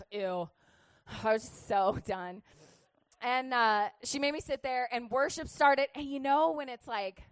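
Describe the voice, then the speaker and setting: High-voiced woman preaching a lively testimony. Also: no room sound. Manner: chatty and animated, laughing often. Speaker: youth pastor. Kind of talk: humorous testimony sermon.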